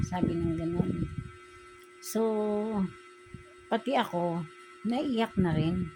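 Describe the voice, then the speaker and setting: A woman with a lowish voice, a vlogger speaking straight to her viewers. She tells a personal story casually and with emotion, often retelling what was said and sinking into quiet, subdued tones. Clear background music plays under her voice. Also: low-quality recording. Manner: retells conversations, repeating "sabi ko ng ganon". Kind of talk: casual spoken storytelling vlog. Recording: music playing behind the voice.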